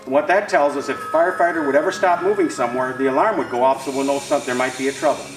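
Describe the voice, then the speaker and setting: Distant firefighter, roomy, explaining gear. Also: male voice, mid-range voice, rapid-fire, music in the background. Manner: patient, explaining step by step. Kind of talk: fire safety demonstration for children.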